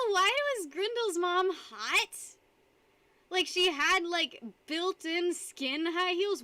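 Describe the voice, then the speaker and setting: Her voice is extremely high, bright and forceful as she chats casually on a live stream. Giggling often, the young woman rambles on and reads her viewers' comments out loud.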